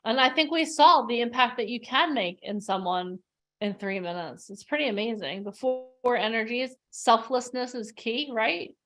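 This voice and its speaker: A woman's voice: fairly high pitch, lively intonation, moderate pace. A woman hosting a livestreamed workshop over a video call, upbeat, chatty and playful. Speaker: host.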